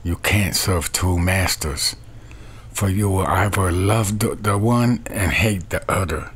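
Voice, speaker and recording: A middle-aged man preaching a webcam sermon from a small bedroom, with a slow, repetitive preaching cadence. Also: deep voice, fairly bright tone, breathy edge. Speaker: street preacher.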